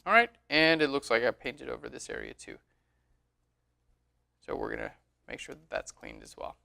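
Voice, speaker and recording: A man giving a relaxed, chatty screen-recorded tutorial on photo editing, often saying "all right". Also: medium pitch, normal speed, gravelly.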